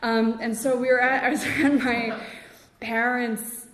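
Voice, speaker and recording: Woman recovery speaker, halting, chatty fillers, small laughs, recorded in a reverberant hall. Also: fairly high pitch, level tone. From Connecticut, USA. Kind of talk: personal recovery testimony. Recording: echoey hall with long reverb.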